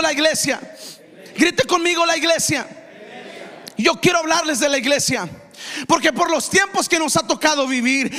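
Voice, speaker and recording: A man preaching a fiery Pentecostal sermon, shouting, chanting and leading call-and-response with his congregation in a church. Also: very high-pitched, long reverb tail. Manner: repeats phrases in rhythmic runs. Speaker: pastor. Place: church sanctuary.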